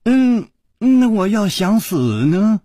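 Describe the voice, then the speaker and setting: A male storyteller playing a carefree, suave young swordsman hero with a light, teasing, unhurried drawl. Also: high voice, very animated, darkish tone, husky, no room sound, studio quality, exaggerated voice. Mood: playful teasing. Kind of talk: traditional storytelling performance.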